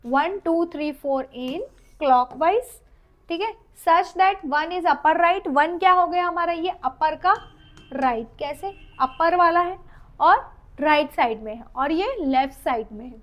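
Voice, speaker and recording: A woman with an Indian accent teaching a dental anatomy lecture. She reads English lines slowly, then explains them in Hindi with questions to the class, and counts teeth aloud under her breath. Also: high-pitched, dull audio. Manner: counts teeth aloud while drawing, trailing off softly. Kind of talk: exam-oriented lecture.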